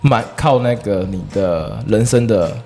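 A man who teaches whisky, explaining tasting in a casual chat, quick and quietly confident. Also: fairly low pitch. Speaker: whisky instructor.

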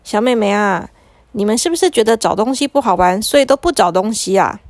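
A woman's voice: mid-range voice, animated, brisk, a little mellow, no room sound, lightly acted. A woman voicing a kindly male magician in a children's story, easygoing and reassuring. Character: kindly male magician in cloak and tall hat.

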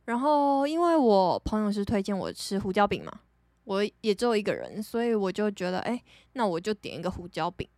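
A young woman from Taiwan with a Taiwanese Mandarin accent, hosting a podcast and telling stories casually, chatty and animated, laughing often. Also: mid-range voice, brisk, no room sound, clean studio sound. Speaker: podcast host. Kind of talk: casual storytelling monologue.

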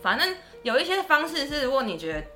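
A fast-talking woman tells ghost stories in a relaxed chat. Her bright voice swings widely in pitch as she acts out the people she quotes. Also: faint music behind. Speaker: guest storyteller. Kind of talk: casual ghost-story chat.

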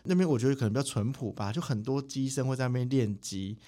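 A man, a spiritual teacher telling stories as a guest in a studio interview, animated and quick to mimic others. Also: medium pitch. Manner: animated, quick, mimics people mid-story. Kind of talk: casual interview storytelling. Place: podcast recording studio.

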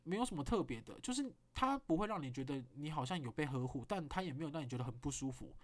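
Fast, animated Taiwanese-accented man. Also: fairly high pitch. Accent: Taiwanese Mandarin. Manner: animated storytelling with blunt swearing. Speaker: podcast host. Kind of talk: casual podcast monologue.

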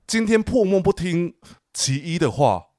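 A man with a Taiwanese Mandarin accent co-hosting a podcast, teasing and animated in casual chat. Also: measured pace, no room sound, clean studio sound. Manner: animated, teasing, jumps into a high pitch when joking. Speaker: podcast co-host.

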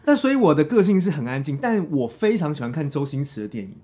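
Man, Taiwanese Mandarin accent, interview guest, lively intonation, quick talker, casual self-deprecating storytelling. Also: a little high. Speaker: interview guest, theatre director.

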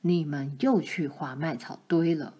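A woman's voice: low voice, a little slow, mellow, breathy edge, voice pushed down. A woman voicing a stern, grave father. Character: stern low-voiced father.

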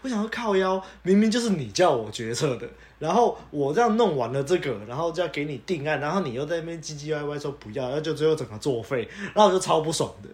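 A man's voice: on the high side, lively intonation, fast, hardly any pauses, darkish tone. A man co-hosting a podcast, speaking bluntly and swearing casually as he reacts. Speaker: podcast co-host. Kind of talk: casual chat.

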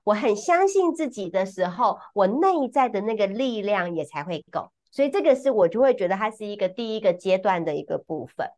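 A woman co-hosting a podcast, explaining ideas in an expressive, conversational way and often repeating words as she goes. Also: mid-range voice, fairly quick, few pauses. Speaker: podcast co-host and teacher.

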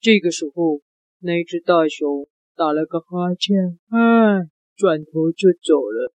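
A woman telling an improvised children's story with a child, taking turns in a lively and playful way. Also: sits low, normal speed, dry recording.

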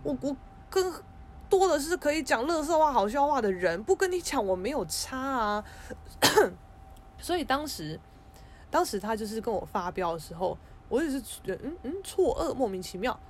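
A young woman, hosting a podcast, telling a personal story in a casual, animated way, with frequent restarts. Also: medium pitch, a little hiss or hum. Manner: animated, frequent restarts and stammers, mimics others in quotes. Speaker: podcast host.

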